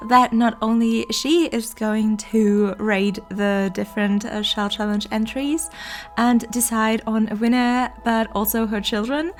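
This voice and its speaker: A woman's voice: on the high side, steady tone, unhurried, soft background music. A young woman in her twenties chatting in a casual voiceover, her voice nasal and congested from allergies, laughing often between words. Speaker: game building content creator.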